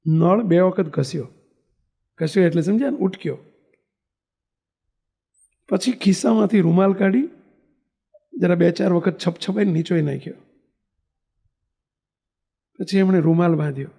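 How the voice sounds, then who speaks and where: Male monk, storytelling sermon, high gravelly voice, mellow tone, acts out quoted lines. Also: moderate pace, long pauses. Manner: asks the audience questions, acts out quoted dialogue.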